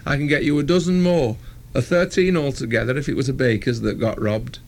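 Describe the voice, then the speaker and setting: A man's voice: medium pitch, steady tone, vocal fry, pitched above the performer's own voice. Man doing a cheeky teenage lad. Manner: quick, mocking, feigned innocence. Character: cocky cheeky teenage working-class lad.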